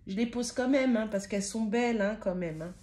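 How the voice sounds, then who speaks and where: A middle-aged woman giving a spiritual tarot reading at home, chatty and exclamatory, dotting her speech with "hein", sometimes rushing and stammering, with a sniffly nose. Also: medium pitch, warm tone, a little hiss or hum. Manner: chatty, interjecting with frequent "hein", exclaiming over the cards; speaks fast and stammers at times while channeling. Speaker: tarot card reader. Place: home with dogs nearby.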